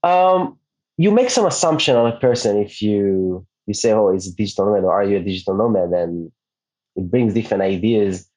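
On a rough recording, a lowish, brisk-voiced man from Israel, late thirties and a native Hebrew speaker, chats as an interview guest. He's a digital nomad on a podcast, relaxed, restarting frequently and laughing lightly.

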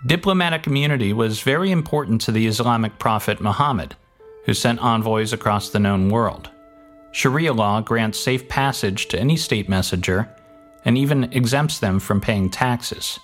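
A podcast host reads scripted narration in a dry, wry manner, swearing casually along the way. He has a mid-range voice and a moderate pace, with faint music in the background.

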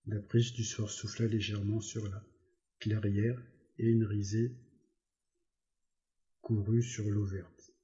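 A man reading a novel aloud as an audiobook narrator, in an even, measured way, on a slightly dull recording. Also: fairly low pitch. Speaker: audiobook reader. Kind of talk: literary narration.

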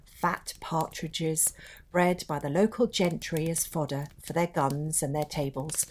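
A woman narrates a ghost story in a low, unhurried voice. She draws out each line with measured drama, a fireside storyteller setting a spooky scene for listeners. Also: fairly even intonation, a little mellow, slight background noise. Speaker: podcast co-host and storyteller.

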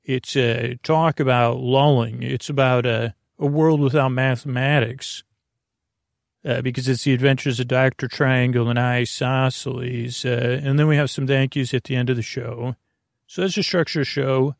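In a slow, meandering bedtime ramble full of goofy asides, this middle-aged man cuts himself off and strays from the subject as he hosts a sleep podcast. His voice is gravelly and creaky at a normal pitch with a steady tone, and the sound is dry, close, and echo-free.

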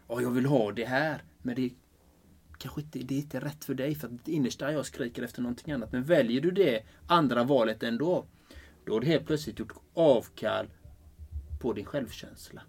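Guy life coach talking about his purpose, earnest and excited, restarts a lot. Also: medium pitch. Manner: earnest, enthusiastic, with many restarts. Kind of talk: casual conversation.

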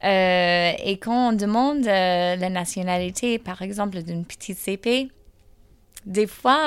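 A woman teacher answering interview questions hesitantly, pausing and restarting often. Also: mid-range voice, clear, resonant tone, dry recording. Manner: hesitant, many fillers and restarts.

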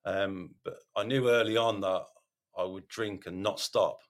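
A man with a very deep, low voice speaks candidly in an interview. He halts often, restarting his sentences and filling gaps with ums. His tone stays open and unguarded as he talks through his past. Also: steady tone. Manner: halting, self-correcting, frequent ums and repeated words. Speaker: podcast host, sharing his recovery story.

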